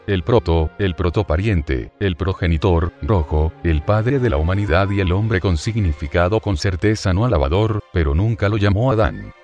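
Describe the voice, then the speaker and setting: A man giving a slow, measured first-person narration of a visionary account, describing each detail deliberately. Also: deep voice, a little mellow, lo-fi sound, soft background music.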